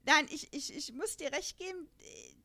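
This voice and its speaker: A chatty, enthusiastic woman co-hosts a podcast, speaking at a moderate pace in a high, sharp-toned voice. She talks casually about an audio drama and often bursts out laughing.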